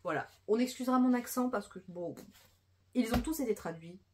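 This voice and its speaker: A woman's voice: on the high side, a little fast, a little hiss or hum. A woman chatting casually and enthusiastically about new books in a book vlog, saying she is a bit tired. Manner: chatty and enthusiastic, many fillers. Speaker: book vlogger.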